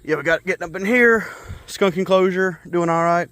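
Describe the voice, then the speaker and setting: Outdoors in his backyard, a pet-keeping vlogger talks casually in a high, brisk voice while caring for his fish ponds, narrating every chore and sounding out of breath. Loud hip hop music plays over his voice, though there's no room sound.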